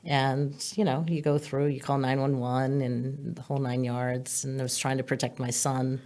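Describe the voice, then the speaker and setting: A middle-aged woman with a Boston accent, a guest telling her story in a measured, halting way during a casual interview. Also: very deep voice, little pitch movement, dark tone. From US East Coast. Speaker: insurance agent guest.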